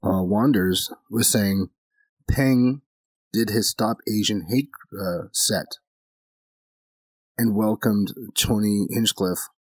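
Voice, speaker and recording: A man's voice: fairly low pitch, takes it slowly, long pauses, slightly rough, dry recording. A man hosting a casual comedy podcast, earnest and talking things through, acting out other people's reactions. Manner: earnest, acts out quoted reactions. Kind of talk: casual chat.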